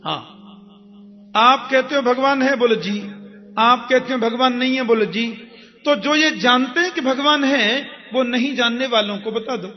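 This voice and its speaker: A man with a very high voice preaches a devotional katha at an unhurried pace, drawing out his stories and breaking into sung Sanskrit verses. His voice rings through a large hall with a long reverb, faint music plays behind him, and the sound is a little dull. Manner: slow storytelling, chants Sanskrit verses in a sung tone. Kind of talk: Bhagwat katha sermon with storytelling.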